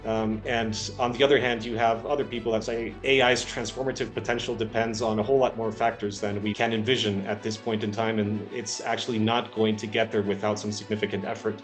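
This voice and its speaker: Hesitant man with a low voice. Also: flat delivery, fairly quick, few pauses, faint music behind. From Ecuador. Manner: hesitant, many filler sounds. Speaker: guest, research engineer. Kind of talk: conversational interview answers.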